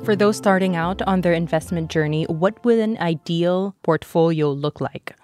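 A woman with a fairly low voice hosts a podcast, introducing her guest and putting questions to him. Music plays clearly behind her. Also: moderate pace, darkish tone. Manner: brief encouraging acknowledgments. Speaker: podcast host. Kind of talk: scripted introduction and interview.

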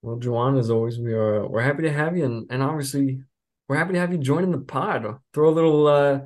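A man hosting a sports podcast as beat reporter, talking in a relaxed, rambling way with many fillers and restarts. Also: medium pitch, fast talker. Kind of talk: casual sports podcast chat.

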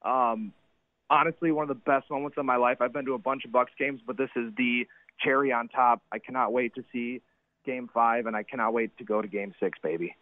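A man with a hoarse, worn-out voice from cheering, gushing casually as a fan calling a sports radio show. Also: medium pitch, steady tone, brisk, dry recording. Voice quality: hoarse, strained voice after shouting at the game. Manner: effusive, gushing. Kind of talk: excited casual fan chat. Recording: narrow-band phone call.

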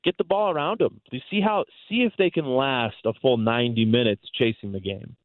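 A man appears as a guest sports announcer on a sports talk show, offering articulate, conversational soccer analysis in long explanatory runs. His mid-range voice is brisk, with no echo and phone-quality sound.

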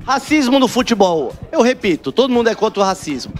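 A man's voice: very high-pitched, sing-song, fast, soft background music. A man working as a street reporter, pushy and jokey, teasing passers-by outdoors at a lunch spot. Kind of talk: provocative comic street interviews.

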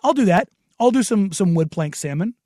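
A man with an American accent and a raspy, hoarse smoker's voice, chatting casually and bluntly as a sports radio host. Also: sits high, expressive, fairly quick, mellow, no room sound, studio quality. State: hoarse from long covid. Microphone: close studio radio microphone.

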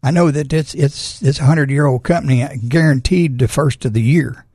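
A man's voice: fairly high pitch, a little fast, mellow, slightly rough, dry recording, clean studio sound. A man talking casually about cars on radio as a garage-owner guest, in a folksy, plain-spoken way. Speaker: auto repair shop owner, radio guest. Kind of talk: casual radio talk about car repair.

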